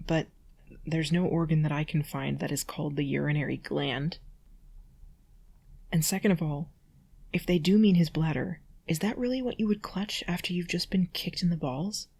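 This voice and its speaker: Her deep voice is creaky, darkish and slightly rough as this female reader and host delivers clumsy writing in a careful, deliberate way. She pauses between passages to drop sardonic, deadpan comments.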